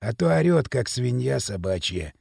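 Male reader as a sullen thug: low raspy mutter, slow and sour. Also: no echo, studio quality, exaggerated voice. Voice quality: husky, gravelly mutter. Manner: quiet, sour, drawling. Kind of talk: audiobook character voice.

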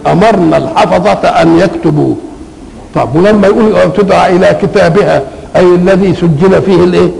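An older man with an Egyptian Arabic accent, explaining Quranic verses in a conversational lecture, asking questions and answering them himself, slowing down to recite. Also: high-pitched, vocal fry, a little mellow, slight background noise, poor audio. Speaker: Quran commentator. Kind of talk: colloquial Quranic exegesis lecture.

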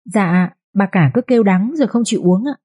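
A woman's voice: medium pitch, fairly quick, dark tone, slightly rough, natural voice. A woman voicing a loyal nanny who speaks humbly and soothingly to her mistress. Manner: soothing, deferential.

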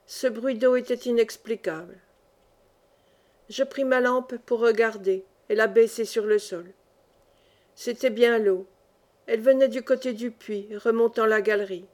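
A woman reading a classic novel aloud as an audiobook. Her delivery is expressive and dramatic. Her voice sits fairly high. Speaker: audiobook narrator. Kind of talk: scripted narration of a classic novel.

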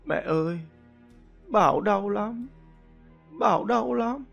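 A man's voice: high-pitched, expressive, takes it slowly, creaky, muffled recording, soft background music, voice pushed up, exaggerated voice. A man doing a whimpering sick little boy. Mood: frightened. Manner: whimpering, whispering.

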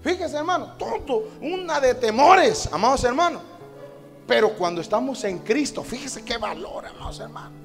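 Honduran guy preaching, really high gravelly voice, shouts at the peaks, church echo and faint music. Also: expressive, moderate pace. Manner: storytelling, repeats "hermano" and "amados hermanos" as refrains; builds to loud shouted climaxes. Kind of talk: sermon. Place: church, at the pulpit.

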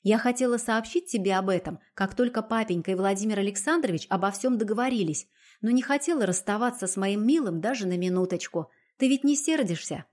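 A woman voicing a naive, childish young noblewoman in love, speaking in a higher, gushing, insistent way. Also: a little fast, a little mellow, lightly acted.

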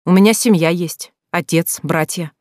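A narrator voicing a furious, betrayed young wife who shouts crude accusations in an audiobook. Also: mid-range voice, moderate pace, no echo, clean studio sound, lightly acted. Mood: indignant.

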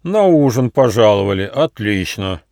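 A man voicing a menacing male ferret pack leader in a fairy tale, loud, slow and sneering. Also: lowish voice, big pitch swings, creaky, dry recording, clean studio sound.

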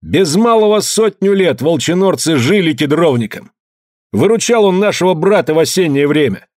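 A man's voice: a little high, lively intonation, moderate pace, darkish tone, no echo, studio quality, voice pushed up, natural voice. A man voicing a resolute male peasant leader addressing a crowd, in an audiobook. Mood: earnest. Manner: earnest, oratorical.

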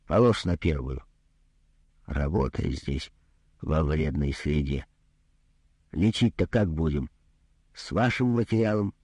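A man doing a gruff greedy doctor. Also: extremely low pitch, expressive, slow, pauses often, darkish tone, no room sound, voice pushed down, heavily acted. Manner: brusque, condescending, grumbling. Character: greedy gruff male doctor, rude and businesslike.

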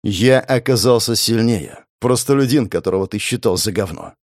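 A cruel young fighter standing over a beaten rival, speaking slowly in a low, contemptuous drawl, as a male narrator puts him on. The delivery is dry and close to the mic. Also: no echo. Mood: cold menace. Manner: slow, contemptuous, menacing.

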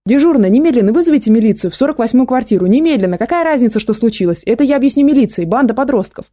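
Spiteful, foul-mouthed female poisoner, read by a woman for an audiobook, dark tone. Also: medium pitch, normal speed, breathy edge, close to an everyday voice. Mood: furious. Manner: abusive, spitting insults. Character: scheming adult woman poisoner, spiteful and shrill.

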